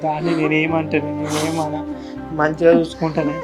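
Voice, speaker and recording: A man playing a young married son who calmly refuses help and comforts his crying mother. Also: fairly high pitch, a little fast, natural voice. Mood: firm reassurance. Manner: firm, reassuring, refusing help. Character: young married son, proud, gently consoling. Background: music.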